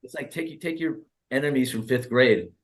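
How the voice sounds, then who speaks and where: A man's voice: medium pitch, fairly quick. A man who works as a therapist and author, talking animatedly in an interview and acting out his sessions with clients. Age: 30s. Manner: animated, acts out dialogue with clients. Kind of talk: interview conversation.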